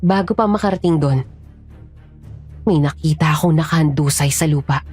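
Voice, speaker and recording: A woman giving scripted first-person narration of a horror story, serious and steady. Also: low-pitched, moderate pace, soft background music.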